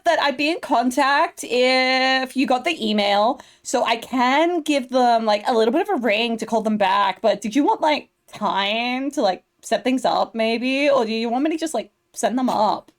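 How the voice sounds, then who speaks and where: A woman's voice: a little high, big pitch swings, moderate pace. A woman voicing a bubbly young Valley Girl assistant, ditzy and gushing with lots of "like". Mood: eager. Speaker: player character Asha.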